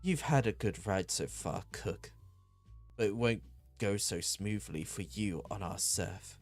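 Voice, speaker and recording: A man's voice: on the low side, measured pace, gravelly, soft background music. A man voicing a cocky young male tag-team wrestler with a smug, taunting manner.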